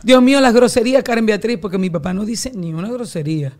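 A woman in her forties with a Venezuelan accent, a guest telling family stories in a loose, animated way full of restarts and slang. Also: mid-range voice, fast talker. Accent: Venezuelan Spanish. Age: 40s. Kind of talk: casual storytelling chat.

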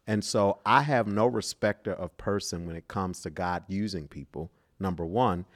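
A man, a minister, as a guest telling lively stories and acting out the voices of people in them. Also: low voice, normal speed. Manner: animated storyteller, acts out quotes, bursts of laughter. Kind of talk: casual interview storytelling.

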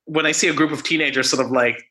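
Bright-voiced man in his forties, halting. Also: fairly high pitch, steady tone, poor audio. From Philippines. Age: 40s. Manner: halting, many restarts and fillers. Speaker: guest. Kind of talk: casual conversation.

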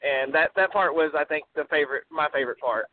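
A man's voice: fairly high pitch, fast. Young Texan man on a noisy, windy phone line. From Texas, USA. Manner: polite, says sir. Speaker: phone-in guest. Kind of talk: earnest conversational interview. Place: call-in from a car. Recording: tinny phone line, windy noise like wind tunnel.

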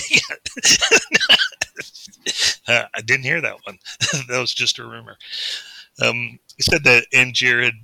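Slow, bright-voiced man, halting. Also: medium pitch, wildly swooping pitch, vocal fry, no echo, poor audio. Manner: halting, hesitant, many filler sounds. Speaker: podcast guest. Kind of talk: casual sports chat.

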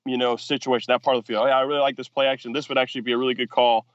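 A man's voice: medium pitch, level tone, no echo. Male football coach, podcast guest, hesitant explainer, dry slightly muffled audio. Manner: halting, many restarts and fillers, explanatory. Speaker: football offensive coordinator and quarterbacks coach, guest. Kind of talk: podcast interview.

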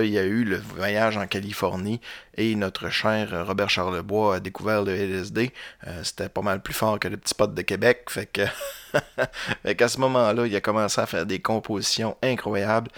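A man's voice: on the low side, a bit bright, no room sound. A man with a Quebec French accent hosting a music podcast, chatting casually with playful, chuckling asides. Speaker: podcast host. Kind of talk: casual chat about music.

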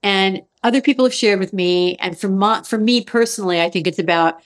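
A woman hosting a podcast interview who asks thoughtful questions and pauses to search for her words. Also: medium pitch. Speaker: podcast host. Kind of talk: interview conversation.

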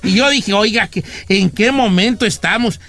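A man's voice: sits high, normal speed, pushed and bright. A man hosting a radio show, telling jokey stories with exaggerated, theatrical delivery. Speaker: radio host. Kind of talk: comedic radio banter. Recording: music playing behind.

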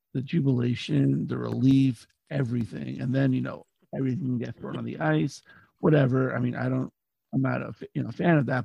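A middle-aged man with a hoarse, partly lost voice, chatting casually about sports as a longtime fan on a podcast. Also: medium pitch, warm tone. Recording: dull lo-fi audio, roomy echo.

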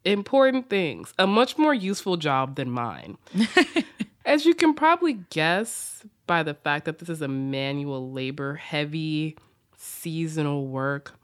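A woman's voice: low-pitched, big pitch swings, takes it slowly. A woman with a Southern US accent hosting a podcast, chatting casually with joking asides and frequent laughs. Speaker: podcast host.

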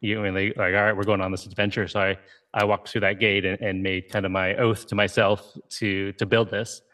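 This is a man in his forties, originally from Ohio, speaking with a fairly low voice. He is a game creator talking as a guest in an interview. He tells his story in a loose, easygoing way, checking in often with "right?" and "you know". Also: flat delivery, brisk, bright, forceful tone, slight background noise. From Ohio, USA. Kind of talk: conversational interview.

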